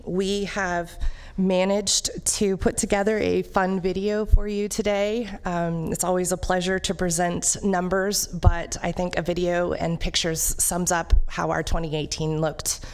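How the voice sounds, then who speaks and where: A woman's voice: fairly low pitch, level tone, unhurried, clear, resonant tone. A woman representing a business district, giving an upbeat, proud presentation with fillers to a county board in a meeting chamber at a podium microphone. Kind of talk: public presentation at a government meeting.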